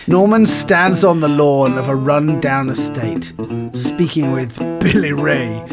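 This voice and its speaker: A man's voice: on the high side, takes it slowly, loud music behind the voice. A man co-hosting a podcast, chatting casually and reading a screenplay aloud, joking and laughing often. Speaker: podcast co-host.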